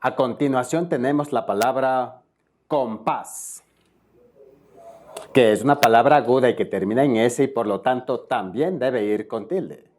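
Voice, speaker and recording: A man's voice: mid-range voice, unhurried, a little mellow. A man from Ecuador teaching spelling in a video tutorial, explaining each rule step by step and often checking in with his viewers.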